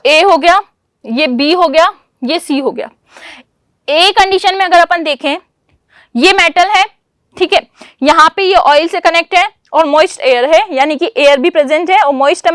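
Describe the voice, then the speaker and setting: High-voiced woman teaching chemistry step by step. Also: no echo, clean studio sound. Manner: explains step by step, asks and answers own questions; mixes English terms into Hindi. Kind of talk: exam paper walkthrough lesson.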